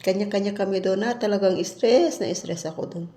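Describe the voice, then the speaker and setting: A woman's voice: mid-range voice, fairly quick, heavy background noise. A woman from the Philippines, a domestic worker abroad, telling a story bluntly in a casual vlog and acting out the arguments she quotes. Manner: blunt, animated retelling with quoted exchanges. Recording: echoey room.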